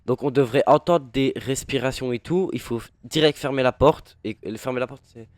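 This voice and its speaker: A man's voice: mid-range voice, brisk, darkish tone, no echo. A young man giving casual, chatty commentary while playing a horror game, jumpy and swearing when startled. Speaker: gaming youtuber.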